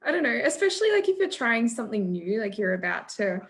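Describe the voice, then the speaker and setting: A woman's voice: a little high, sing-song, quick pace. A young woman, co-hosting a casual chat, chatty and giggly. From Australia. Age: young adult. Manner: warm, chatty, giggly, says "like" a lot. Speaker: co-host.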